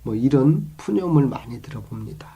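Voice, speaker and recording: A man's voice: mid-range voice, expressive, normal speed, lo-fi sound, slight background noise. A middle-aged man giving life advice in an earnest, lecturing monologue, his phrases often trailing off into a near whisper.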